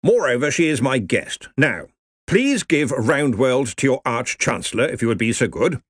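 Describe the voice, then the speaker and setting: A man's voice: mid-range voice, big pitch swings, normal speed, slightly rough, no echo, clean studio sound, voice pushed up. A man voicing a hearty, pompous old male wizard who heads a university. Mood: bossy.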